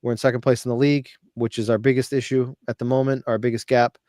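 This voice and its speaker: A man's voice: medium pitch, quick pace, no room sound. A man hosts a casual football talk show in an easy, chatty way. He retells what others said at length, with a dry, close sound and no room around him. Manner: animated, quotes others at length. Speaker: podcast host. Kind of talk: casual football podcast chat.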